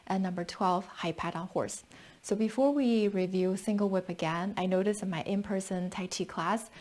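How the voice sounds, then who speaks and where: A woman with a medium-pitched voice leads a tai chi lesson. She explains as she demonstrates, guiding the listener through each movement with step-by-step cues. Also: darkish tone.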